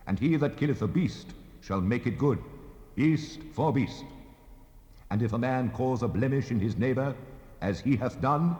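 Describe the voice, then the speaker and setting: A man playing God in a dramatized scripture recording, handing down laws in a solemn, measured, commanding manner. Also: medium pitch, darkish tone, husky, muffled recording. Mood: stern, solemn. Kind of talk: dramatized King James scripture reading. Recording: long hall reverb, 1970s cassette rip.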